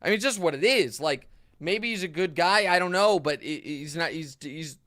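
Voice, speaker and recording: Animated sports talk host, man. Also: fairly high pitch, normal speed, no echo, studio quality. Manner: animated, emphatic, frequent restarts.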